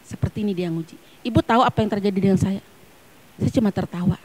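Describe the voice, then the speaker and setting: A woman's voice: medium pitch, fast talker. Fervent woman preaching. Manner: emphatic, swings from hushed near-whispers to loud, fervent peaks. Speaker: pastor. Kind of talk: preaching a sermon. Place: church service.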